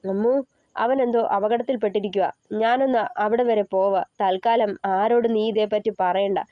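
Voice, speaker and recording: A woman's voice: mid-range voice, steady tone, moderate pace, dry recording, narrow, tinny audio, lightly acted. A woman voicing a protective older brother who speaks urgently and firmly, in an audio novel. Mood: resolute. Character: protective older brother, anxious yet firm.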